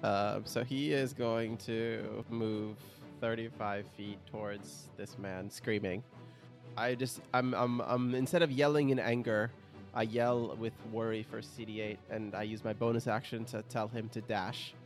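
A man playing a tabletop game, excitable and quick to exclaim and laugh. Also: fairly low pitch, music in the background. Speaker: player.

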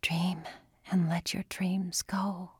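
A mother keeps her voice low and unusually calm beside her child's hospital bed, as a woman reading a story puts her on. The tone is soft and unhurried, in a dry, close recording. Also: husky, no room sound. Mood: murmured singing. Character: calm, anxious mother soothing her sick little girl.

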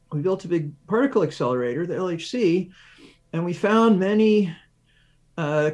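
A research professor appears as an expert interview guest, walking through science step by step. His voice is fairly high and a little mellow. He thinks out loud, poses his own questions and answers them with examples.

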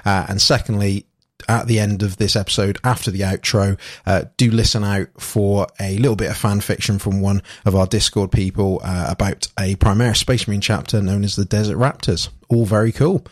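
A man's voice: on the low side, fairly even intonation, brisk, clean studio sound. A man hosting a podcast in a casual, jokey way, recorded in an echoey bare room. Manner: jokey, laughs often. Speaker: podcast host. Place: room being decorated, indoors.

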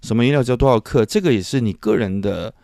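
A man's voice: medium pitch, fast talker, a little mellow, dry recording, studio quality. A man from southern China conducts a conversational interview, asking long, meandering questions with hesitations and modest asides. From Chaoshan, southern China.

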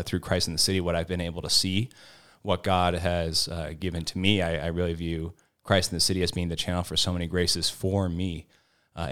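Man, very deep voice, reflective, searching, frequent fillers, podcast conversation. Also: fairly bright tone, clean tone. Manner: thoughtful, searching, many fillers and restarts. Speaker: formator on a podcast panel.

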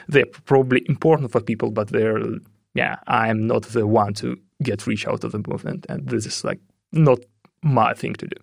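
Middle-aged guy from russia, gravelly voice, thinks out loud w lots of fillers, dry close sound. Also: mid-range voice, no room sound. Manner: thoughtful, hesitant with many fillers. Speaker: guest, head of security. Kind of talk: podcast interview.

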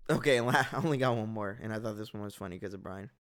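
A man's voice: on the low side, very fast. A man with an American accent hosting a casual, profane chat show, riffing on odd news like a frat bro. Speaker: talk show host reading out odd news.

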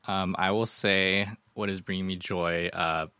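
Man, teacher guest, very low voice, eager rambling talker, dry sound. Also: little pitch movement, a little slow, sharp tone, clean tone, no room sound. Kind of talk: casual interview chat.

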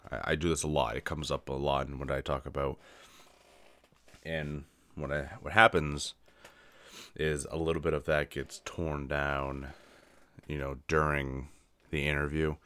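A man's voice: very deep voice, little pitch movement, measured pace, pauses often, fairly bright tone, clean tone, dry recording. A man hosting his own podcast, chatting upbeat and rambling while tired and yawning. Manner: rambling, upbeat, with fillers and yawns. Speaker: podcast host. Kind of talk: casual solo podcast talk.

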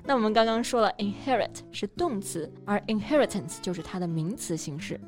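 A woman's voice: mid-range voice, expressive, brisk. Woman co-host with a mid-range voice, affirming and giving examples, faint music under her. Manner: affirming, adds example sentences. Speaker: co-host and English teacher. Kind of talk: bilingual language lesson.

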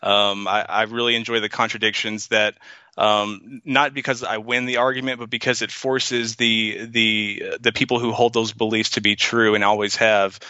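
A man co-hosts a casual livestream and explains his points in a measured way, with many pauses and fillers. His voice is low but bright and forceful, and the sound is dry and a little muffled. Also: level tone, clear, resonant tone, no echo. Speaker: co-host. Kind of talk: casual livestream debate chat. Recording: muffled dull audio.

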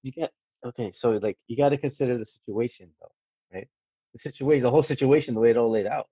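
A man's voice: mid-range voice, fast talker, dark tone, breathy edge, no echo, muffled recording. A man co-hosting a casual podcast, pushing back in a wry, teasing way. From Washington State. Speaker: podcast co-host. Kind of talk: casual chat.

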